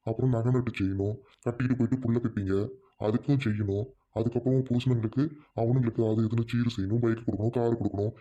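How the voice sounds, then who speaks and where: A man's voice: lowish voice, warm tone, dull audio, close to an everyday voice. An actor playing a greedy, harsh son and husband who scolds his family bluntly in a village family skit.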